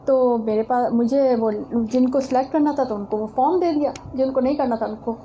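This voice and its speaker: A woman from Pakistan gives a religious lecture as a teacher, earnestly telling a personal story and addressing her listeners directly. Her voice sits high and is mellow. The recording is rough, with slight background noise.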